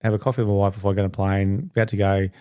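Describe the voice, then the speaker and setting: A man's voice: lowish voice, flat delivery, racing, mellow, smooth, dry recording, studio quality. A middle-aged man hosting a podcast, telling a story in a casual, chatty, rambling way and often restarting his sentences. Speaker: podcast host.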